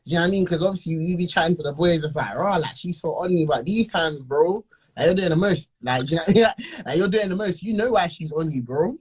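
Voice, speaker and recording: A man's voice: a little high, lively intonation, a little fast, breathy edge. A young man with a London roadman accent and urban slang, bantering casually, repeating phrases and ending on tag questions.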